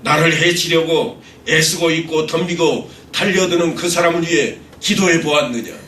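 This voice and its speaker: A man's voice: on the high side, fairly bright tone, distant mic, slight background noise. Man preaching in an echoey sanctuary. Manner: earnest preaching with rhetorical questions. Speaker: pastor. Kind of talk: expository sermon. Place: church sanctuary.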